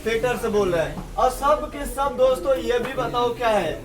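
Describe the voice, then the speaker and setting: A man with an unusually high voice teaches a classroom full of students and keeps firing either-or questions at them, echoing their answers back. He is heard from a distance, with the class murmuring around him. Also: expressive, moderate pace, a crowd in the background. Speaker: English teacher. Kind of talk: classroom teaching in call-and-response.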